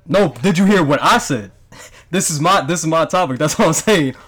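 A man's voice: a little high, moderate pace, a bit bright. A man leading a casual group debate, insistent and slangy. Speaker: discussion leader.

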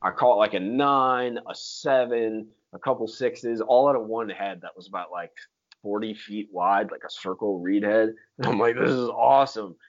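A man's voice: lowish voice, fairly even intonation, normal speed. A man telling stories in casual chat, with slangy talk full of dude, like and freaking. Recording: dull lo-fi sound.

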